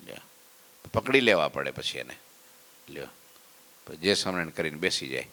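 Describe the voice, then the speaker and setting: A man giving a devotional sermon, telling stories and slowly singing lines of hymns. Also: very deep voice, lively intonation, pushed and bright. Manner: storytelling, sings verses of hymns slowly. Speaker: preacher. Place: temple hall. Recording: long reverb of a temple hall.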